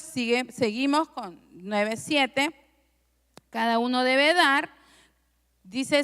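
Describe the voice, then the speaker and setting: A woman's voice: high voice, fairly bright tone, clean tone, big-room sound. A middle-aged woman pastor preaching a conversational sermon, often asking the congregation short tag questions. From Peru. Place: church.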